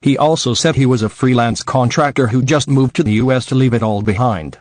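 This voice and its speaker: Man reading a deadpan young female spy. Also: mid-range voice, fairly quick, no room sound, clean studio sound, natural voice.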